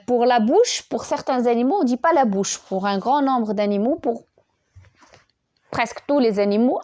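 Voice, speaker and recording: A woman's voice: on the high side, a little mellow, dry recording, studio quality. A woman teaching an online lesson, hesitant, repeating words and checking in with the class often.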